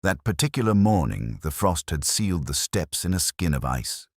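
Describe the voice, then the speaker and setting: This narrator has an extremely deep male voice and plays a brooding police inspector recounting his own mystery in scripted first person. His measured, literary delivery swings expressively in pitch, and he comes across as reflective and sceptical. It is recorded close and dry with no room sound, in full character voice.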